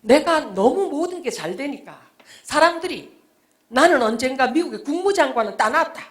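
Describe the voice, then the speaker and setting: A woman speaking as a guest author, giving a testimony talk to a church audience. Her storytelling is emotional, dropping to hushed whispers and rising to loud exclamations, and she acts out her own past words. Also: high voice, animated, moderate pace.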